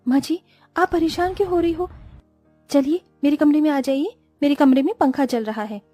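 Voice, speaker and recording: Woman voicing a humble, gentle young wife for a cartoon, soft-spoken and high. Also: normal speed, no room sound, faint music behind, natural voice. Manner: soft, respectful. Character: patient kind young daughter-in-law, gentle and humble.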